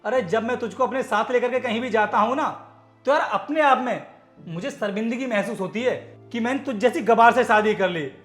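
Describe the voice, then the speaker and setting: A man's voice: very high-pitched, a little fast, fairly bright tone. An actor playing an arrogant company manager who scorns his village-born wife, harsh and domineering in a short film drama. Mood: scornful. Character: arrogant man, cheating husband. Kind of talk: Hindi short-film acting. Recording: echoey room, music underneath.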